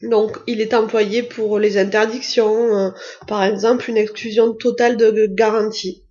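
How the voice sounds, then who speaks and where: A woman's voice: medium pitch, flat delivery, unhurried, a little mellow, echoey room, lo-fi sound. A French-speaking woman teaching an English lesson, explaining step by step with frequent hesitations and fillers. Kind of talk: language lesson narration.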